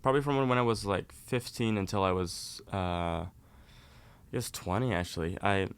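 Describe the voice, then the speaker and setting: A man's voice: fairly low pitch, normal speed, smooth. A young man from Norway, a folk musician, chatting casually as an interview guest and laughing easily.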